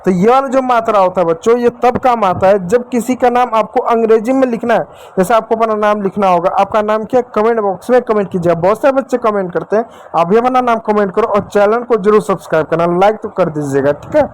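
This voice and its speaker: A man's voice: high-pitched, quick pace, slight background noise. A man teaching a lesson to children, speaking to them directly and checking in often. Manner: addresses children directly, repeats and checks with "ठीक है". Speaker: English teacher. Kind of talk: classroom-style lesson for children.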